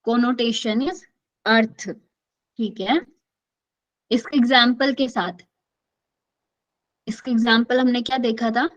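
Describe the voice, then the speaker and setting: ऊँची आवाज़ वाली शिक्षिका, online class. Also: female voice, a little high, steady tone, slow pace, pauses often, lo-fi sound. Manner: quizzes students by name, switches often between Hindi and English. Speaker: online class teacher. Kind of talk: online class teaching.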